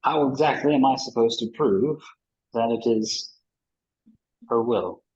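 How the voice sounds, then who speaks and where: Male game player, casual chat, raspy low voice, slightly muffled audio. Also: unhurried, a little mellow.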